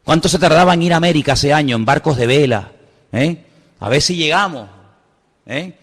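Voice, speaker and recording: A man with a Spanish accent preaches in a chatty, questioning way and keeps turning to his listeners. His voice sits slightly high for a man, and long reverb from the hall trails after each phrase. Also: animated, moderate pace, a bit bright, slightly rough. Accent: Spain Spanish. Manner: conversational preaching with rhetorical questions to the congregation. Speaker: pastor. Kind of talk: sermon.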